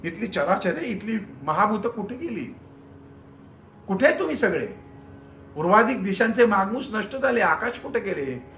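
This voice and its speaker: A man's voice: high-pitched, very animated, normal speed, gravelly, fairly bright tone, roomy sound, slight background noise, full character voice. A man voicing a bewildered young male warrior who cries out frantic, pleading questions in a storytelling.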